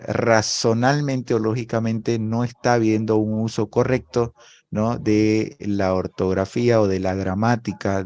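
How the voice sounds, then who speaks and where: Through a video call microphone, a man with a fairly low, slightly mellow voice gives an online language class lecture. His explanations are patient, and he often asks a questioning "right?" to check in.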